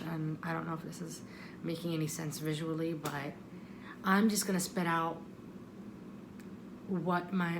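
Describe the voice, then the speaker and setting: A woman vlogger tells a first-person story in a rambling, expressive way, throwing in self-deprecating, apologetic asides. Her voice is low and creaky, and the homemade-sounding recording has background noise.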